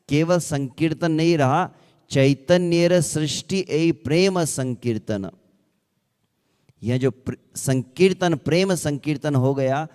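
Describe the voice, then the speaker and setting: A man's voice: on the high side, a little mellow, clear, resonant tone. Devotional male speaker in a reverberant hall. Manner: chants verses in a slow sung drawl; asks rhetorical questions. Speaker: ISKCON speaker. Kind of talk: Hindi devotional discourse.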